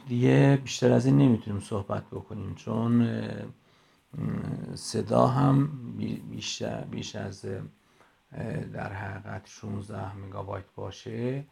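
A middle-aged man teaches a lesson into a phone for a voice message. His voice is heavily gravelly and a little husky. He explains patiently and works through his examples one by one. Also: lowish voice, fairly even intonation, warm tone. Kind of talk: recorded lecture.

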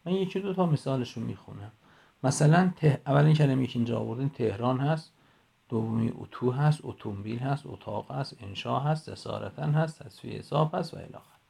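A man, middle-aged, teaching a class in a recorded voice message on a phone, explaining slowly and going through examples one by one. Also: medium pitch, creaky, warm tone, slightly rough. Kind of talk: recorded lecture.

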